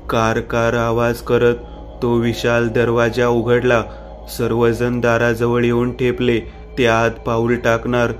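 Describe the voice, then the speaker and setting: A man narrating a horror story in a steady, even reading style. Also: medium pitch.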